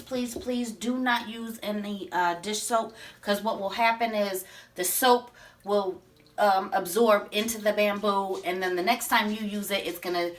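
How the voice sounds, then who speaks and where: A woman hosting a home cooking tutorial, chatty and enthusiastic as she talks straight to her viewers. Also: medium pitch. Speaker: cooking show host. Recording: echoey room, voice from a distance.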